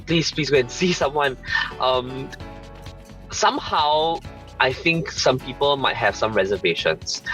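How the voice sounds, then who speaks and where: A man's voice: lowish voice, fairly bright tone. A man speaking as a podcast guest, giving casual advice from experience in a hesitant way, often rephrasing. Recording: slightly dull lo-fi audio.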